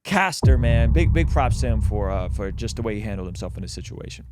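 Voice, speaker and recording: Animated man with a lively, swooping delivery. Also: on the low side, brisk, very noisy. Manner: colloquial, emphatic, opinionated. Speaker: host of a reaction show. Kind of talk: casual video commentary with Bible reading.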